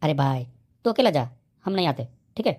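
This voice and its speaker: Woman voicing a fast-talking aging bachelor. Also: sits low, big pitch swings, noisy background. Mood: defensive. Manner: fast, pestering, defensive. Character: aging unmarried man, fussing about marriage. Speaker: cartoon character. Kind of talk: comedy cartoon voice acting.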